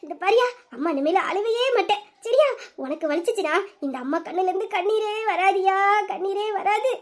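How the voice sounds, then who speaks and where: A woman voicing a sentimental village mother who fusses over her son and bosses everyone else around. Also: extremely high pitch. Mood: tearful doting. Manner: fussy and sentimental, gives orders quickly.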